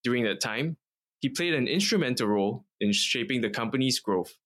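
A man's voice: medium pitch, animated, a little fast, a bit bright. A man hosting a podcast interview in an office, introducing his guest with enthusiasm. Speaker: podcast host.

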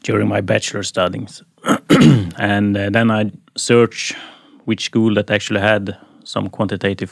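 Gravelly-voiced man, hesitant. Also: on the low side, no echo, clean studio sound. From Sweden. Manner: hesitant, many fillers. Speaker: student guest. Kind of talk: casual interview answers.

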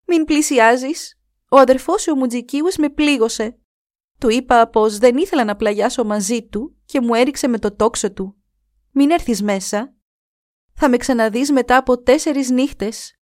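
A woman's voice: on the high side, a little mellow, no room sound, clean studio sound, pitched above the performer's own voice, natural voice. A woman voicing a wounded young wife who warns her husband to stay away. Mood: pleading, tearful.

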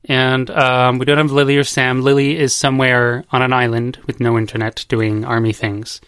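A man's voice: mid-range voice, flat delivery, normal speed, a bit bright, smooth, dry recording, clean studio sound. A man hosting a casual podcast chat, out of breath and rambling, laughing often. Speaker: podcast host. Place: home.

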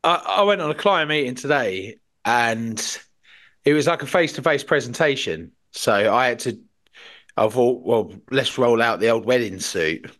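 A man's voice: mid-range voice, animated, moderate pace, a bit bright. A British man chatting casually in a blunt, sweary, exaggerating way. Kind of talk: casual chat.

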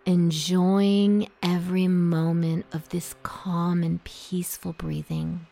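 A woman guiding a relaxation meditation in a soft, soothing voice that drops into a half-whisper. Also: fairly low pitch, flat delivery, takes it slowly, vocal fry. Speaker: meditation guide. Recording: soft music behind the voice.

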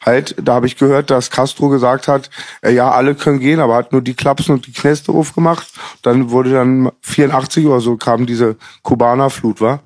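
Man co-hosting a podcast, excited slangy talk, cursing, dry sound. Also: medium pitch, a little fast, no echo. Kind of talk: casual chat.

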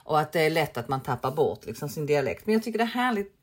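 Woman, Scanian Swedish accent, casual chat, lowish voice, very lively pitch, animated storyteller. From southern Sweden.

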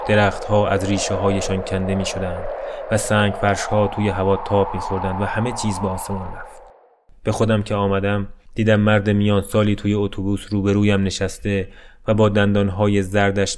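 A man narrating a short story in a measured, subdued reading. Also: lowish voice, flat delivery, slight background noise.

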